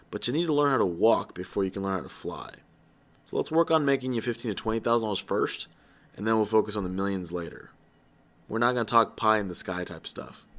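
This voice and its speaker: Man, persuasive motivational talk, somewhat low voice, earnest. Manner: earnest and persuasive, with rhetorical questions and light jokes. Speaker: company founder addressing new recruits.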